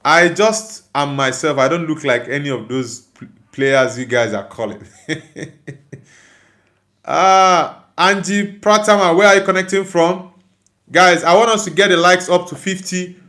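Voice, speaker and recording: Speaking a bit slowly in a slightly high, bright, forceful voice, a Nigerian-accented man hosts a football livestream. He keeps things casual and chatty, reading viewer comments aloud and responding to them.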